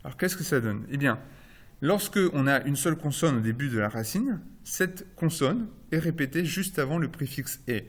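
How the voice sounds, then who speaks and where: French-speaking male lecturer explaining slowly. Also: fairly high pitch, lively intonation. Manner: explanatory, slows down to spell out examples; hesitant fillers and restarts. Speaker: phonology lecturer. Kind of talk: recorded university lecture.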